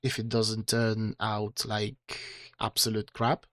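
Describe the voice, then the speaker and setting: A streamer reads from his own book during a casual livestream, chatting with viewers in a tired, throat-strained way, rambling and self-deprecating with many fillers and restarts. His voice is lowish, monotone, slow and fairly bright, with no room sound.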